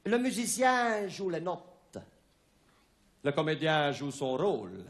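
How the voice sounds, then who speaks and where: A man telling jokes to an audience in a halting, stop-start way, chuckling between lines. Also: on the high side, big pitch swings. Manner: halting, many restarts, chuckling. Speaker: stand-up comic. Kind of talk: amateur comic monologue with jokes.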